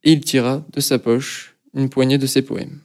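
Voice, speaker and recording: A man reading a novel aloud as narrator, in a measured, steady storytelling manner. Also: medium pitch. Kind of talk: audiobook reading.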